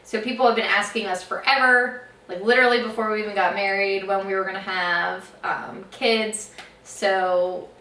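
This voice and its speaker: Bright-voiced young woman vlogging. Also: mid-range voice, steady tone, moderate pace, roomy sound, recorded from a distance, rough recording. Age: young adult. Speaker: family vlogger. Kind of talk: casual chat to camera and on calls.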